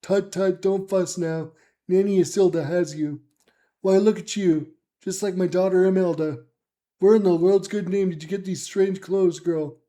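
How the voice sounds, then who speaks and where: A portly older nanny, fussy and patronizing, clucking over a stranger, as a man puts her on. The voice stays mellow and very dark, a touch high. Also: steady tone, normal speed, natural voice. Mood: fussing. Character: bossy portly older village nanny woman.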